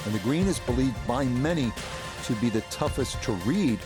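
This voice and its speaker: A man's voice: medium pitch, expressive, moderate pace, close to an everyday voice. A man giving play-by-play as a golf commentator, with a polished broadcast delivery. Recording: music and crowd behind the voice. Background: music, crowd.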